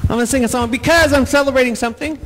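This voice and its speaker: A man in his forties doing live stand-up comedy before an audience, playful with drawn-out punchlines. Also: very high-pitched, a bit bright, in a large hall, rough recording. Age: 40s. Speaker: comedian and singer.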